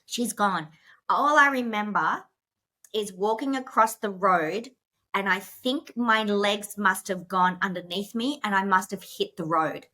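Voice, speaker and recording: A woman's voice: medium pitch, unhurried, bright, forceful tone. A woman who is a podcast guest, telling a personal story in a rush, with many fillers and restarts, and emotional at moments.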